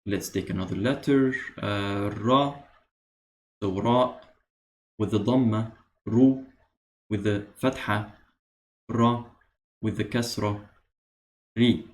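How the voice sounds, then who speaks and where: A man teaching beginner Arabic, explaining patiently with pauses and many "uh"s. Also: fairly low pitch, steady tone, slight background noise. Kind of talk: beginner language lesson.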